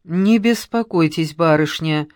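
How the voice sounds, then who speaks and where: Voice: mid-range voice, no echo, studio quality, natural voice. A narrator doing a prim stern governess. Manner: formal, slow, admonishing.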